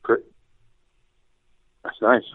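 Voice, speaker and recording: A man chatting casually as a podcast guest, hesitant and wry, with some swearing, over a phone line. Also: extremely slow. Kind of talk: casual profane chat. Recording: thin narrow-band phone line.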